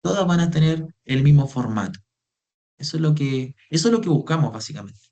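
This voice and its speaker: A man's voice: on the high side, lively intonation, fairly quick, dark tone. A young man teaching an online spreadsheet class, patiently repeating himself as he explains. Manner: patient, repeats phrases, calls students "chiquillos". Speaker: Excel workshop instructor.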